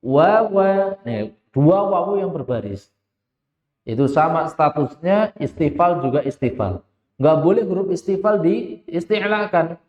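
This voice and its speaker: A man teaching Quran recitation. He explains the rules and chants the verses slowly and drawn out. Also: fairly high pitch, expressive. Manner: laughs while telling an anecdote. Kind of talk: tajweed lesson with recitation. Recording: echoey hall, dull lo-fi sound.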